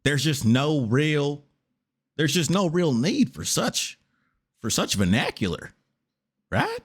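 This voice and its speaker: A man's voice: a little high, wildly swooping pitch, slow pace, husky. Tired, exasperated man streaming. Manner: exasperated, preachy, says "brother" a lot. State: tired after a long stream. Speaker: streamer reacting to a video. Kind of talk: casual reaction commentary.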